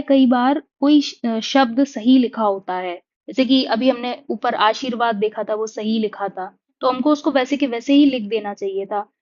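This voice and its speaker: A woman teaching Hindi spelling and sentence correction for exams, patiently repeating each corrected sentence slowly. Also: on the high side, darkish tone. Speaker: Hindi exam tutor. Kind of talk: explanatory exam-prep lesson. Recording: dull lo-fi recording.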